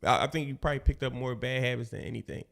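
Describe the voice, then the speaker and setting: Casting: man, forties, podcast co-host, gravelly mid-pitched voice, slangy rambling delivery. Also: fairly even intonation, rapid-fire, fairly bright tone. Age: 40s. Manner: loose, slangy, rambling with restarts. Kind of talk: casual podcast chat.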